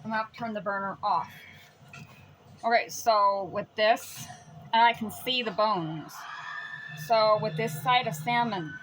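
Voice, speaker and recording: A woman hosting a casual home cooking vlog, talking through every step as she works in her kitchen. Her voice sits at a middle pitch. It is recorded in a noisy home kitchen with clear clatter in the background. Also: measured pace, long pauses, fairly bright tone. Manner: chatty, explains each step while cooking. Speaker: mother and cooking channel host.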